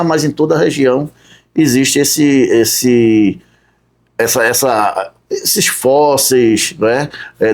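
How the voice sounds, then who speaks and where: A man from Recife, a podcast guest talking through his tourism work in an unhurried way. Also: medium pitch, a little mellow. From Recife, Brazil. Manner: unhurried, lists his work step by step with frequent "né?". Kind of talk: casual interview chat.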